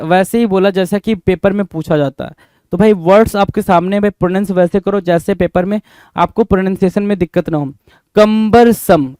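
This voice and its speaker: A man's voice: sits high, a little mellow, clean tone, dry recording. A young man teaching English vocabulary for exams, spelling words out letter by letter and asking and answering his own questions. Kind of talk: exam-prep vocabulary lesson.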